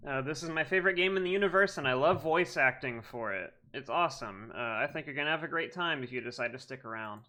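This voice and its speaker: A live streamer who also does hobby voice acting chats casually with his audience, playful, affectionate and full of slang. His mid-range voice is fast, pushed and bright, with few pauses. He speaks into a streaming microphone over game music.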